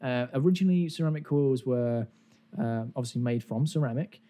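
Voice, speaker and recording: A man's voice: medium pitch, fairly quick, warm tone. A man hosting a casual podcast, explaining things in a chatty, informal way. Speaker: podcast host. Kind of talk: casual vaping podcast talk.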